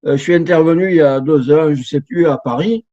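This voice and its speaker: A middle-aged professional translator with a fairly high, mellow voice gives an informal conference talk from home, speaking a little fast. Heard through a computer mic on a video call with dull, lo-fi audio, he often restarts and repeats words.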